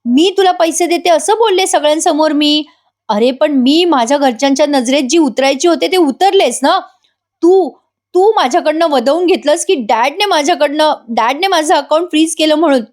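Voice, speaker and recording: A woman's voice: high-pitched, normal speed, a little mellow, voice pushed up, lightly acted. A woman voicing an upset young wife who quarrels with her husband in a pleading, exasperated way.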